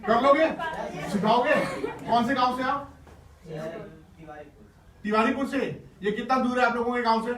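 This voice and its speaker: A man's voice: very high voice, steady tone, moderate pace, long pauses, crowd noise. A man teaching a class of schoolchildren, encouraging and playful as he coaxes them to try. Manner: encouraging and playful, coaxing pupils. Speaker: teacher running a school workshop. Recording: echoey room, distant mic, noisy class.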